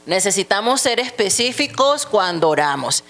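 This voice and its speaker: A woman's voice: medium pitch, sing-song, normal speed, fairly bright tone. A woman teaching a church Bible lesson, asking the class questions and reading scripture aloud.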